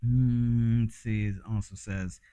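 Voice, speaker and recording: A man's voice: medium pitch, little pitch movement, slow pace, mellow, clean tone. A man who grew up in Mexico, talking in a rambling, frank casual monologue with frequent fillers and the odd curse. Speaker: host.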